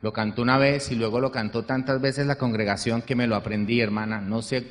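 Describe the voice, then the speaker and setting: A man's voice: mid-range voice, fairly even intonation, fairly quick. A man from the congregation giving an earnest, formal testimony, addressing the speaker again and again. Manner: earnest, repeats "hermana" often. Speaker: congregation member. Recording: long hall reverb.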